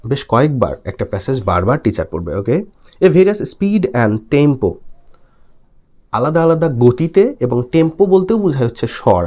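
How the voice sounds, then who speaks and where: Animated male teacher walking students through notes. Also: mid-range voice. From Bangladesh. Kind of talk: recorded exam-prep lecture.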